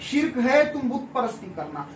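A man's voice: extremely high pitch, sing-song, normal speed, a little hiss or hum. A man, a faith healer, preaching a sermon in a scolding, admonishing manner. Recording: echoey room, voice far from the mic.

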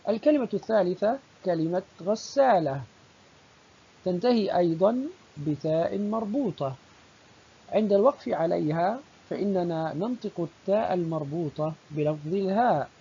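Husky breathy teacher voice, warm and mellow, dull lo-fi recording. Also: medium pitch, expressive. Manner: slow, deliberate, drawing out example words. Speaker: primary school teacher. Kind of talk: recorded classroom lesson.

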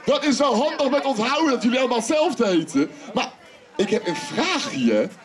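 A man performing as a children's clown at an outdoor festival, playfully shouting questions to the kids and teasing them. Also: very high-pitched, sing-song, normal speed. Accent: Dutch. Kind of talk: lively clown patter for children. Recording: open-air festival with crowd. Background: crowd of children.

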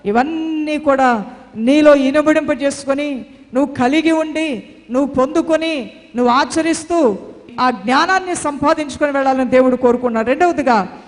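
A woman's voice: high-pitched, normal speed, long reverb tail. A woman preaching a sermon with fervent, repetitive exhortation.

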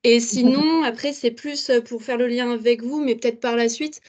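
A woman's voice: on the high side, fairly even intonation, darkish tone. A woman taking part in a webinar, speaking with fillers. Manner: quick, with fillers. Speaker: webinar participant. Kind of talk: casual webinar remark.

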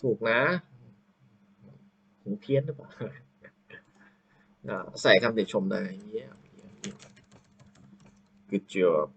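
A man teacher talks through a screen-recorded software tutorial at a slow, easy pace. His voice sits fairly low, and he thinks aloud with long drawn-out fillers. The sound comes from a computer microphone. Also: animated, slightly rough, lo-fi sound.

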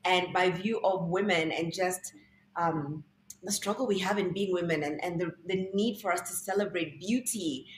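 The guest, a young Kenyan artist, uses a lowish voice at a moderate pace to recount her work during a video-call interview in a bright indoor room. Her storytelling is reflective, growing animated whenever she quotes herself in lively voices. Faint room noise runs under the roomy call audio.

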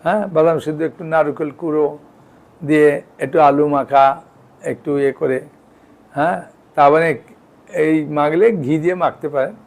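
A man's voice: fairly high pitch, steady tone, moderate pace, long pauses. A man giving an informal devotional lecture, talking plainly and often checking in with his listeners. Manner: conversational, frequent "yes?" and "all right?" checks with listeners. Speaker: devotional teacher.

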